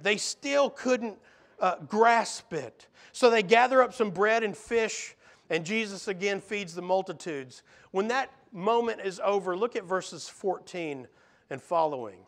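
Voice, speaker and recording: A man preaching a sermon as pastor, earnest, with frequent restarts, pushing into strong emphasis. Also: sits high. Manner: earnest, rising to exasperated emphasis when voicing Jesus.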